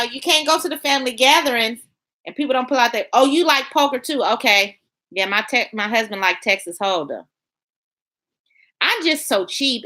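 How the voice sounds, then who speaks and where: A woman's voice: sits high, sharp tone. A woman hosting a casual livestream, chatting with viewers by name and reading their comments aloud in a loose, colloquial way. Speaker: livestream host reading chat. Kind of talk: casual live-stream chat.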